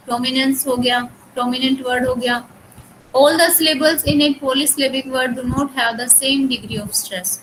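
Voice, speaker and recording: A young Indian woman, a native Hindi speaker, teaching an English class with an Indian accent. She reads English passages slowly and then explains them. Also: high-pitched, fairly bright tone, a little hiss or hum, low-quality recording. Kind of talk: bilingual classroom lecture.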